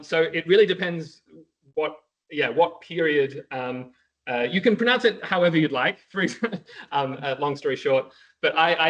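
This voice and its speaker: The speaker is a conference presenter from Wales taking questions once his academic talk is over. He laughs readily and his answers are full of fillers and false starts. The rough recording captures a fairly high, fairly bright voice.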